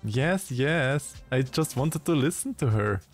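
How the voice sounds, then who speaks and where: A man casually commentating a game live, giggly and halting with frequent ums. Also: medium pitch, animated, faint music behind. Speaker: streamer.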